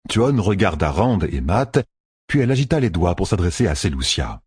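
A man narrating an audiobook in an expressive, measured way, recorded close and dry. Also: low-pitched, breathy edge, no room sound.

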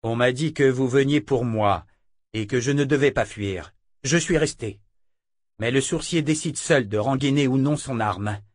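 A man's voice: medium pitch, normal speed, no echo, studio quality, close to an everyday voice. A man voicing a blunt, defiant young swordsman in a storybook reading, curt and guarded.

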